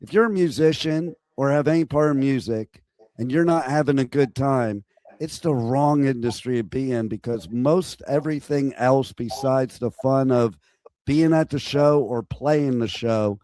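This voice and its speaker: A man with a hoarse, nearly lost voice, chatting casually as host of a radio interview. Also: medium pitch, unhurried, dark tone.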